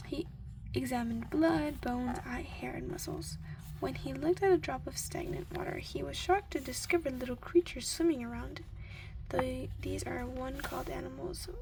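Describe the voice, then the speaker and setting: In a high voice over some background noise, a woman reads from a book for ASMR, soft-spoken, breathy and gentle. She takes her time, often dropping into a whisper and adding murmured asides.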